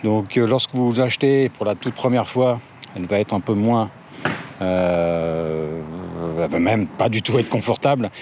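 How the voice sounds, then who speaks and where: A man's voice: lowish voice, a little slow, darkish tone. Man chatting casually about his bike. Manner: hesitant, many fillers, self-correcting. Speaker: cycling vlogger. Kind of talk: casual gear walkthrough to camera. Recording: dull lo-fi audio with faint ambient noise.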